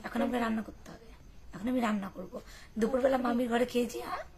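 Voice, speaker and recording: A young woman from West Bengal with a hoarse voice, chatting casually and rambling to her camera as a vlogger. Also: on the high side, racing, a little mellow. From West Bengal, India. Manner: chatty, rambling, many fillers.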